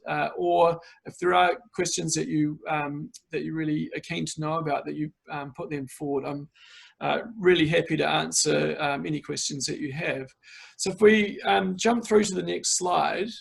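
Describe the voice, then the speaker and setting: Speaking at normal speed in a husky voice that runs on the high side with vocal fry, this New Zealand winemaker hosts an online tasting by video call. He's relaxed and full of fillers.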